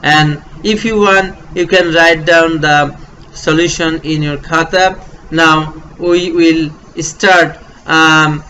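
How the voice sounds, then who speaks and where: Bangladeshi man, English tutor, high bright voice, unhurried drill-style delivery with "uh" fillers, faint hiss. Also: steady tone, low-quality recording. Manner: slow, repetitive, step-by-step explaining with fillers. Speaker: teacher. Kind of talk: online English grammar lesson.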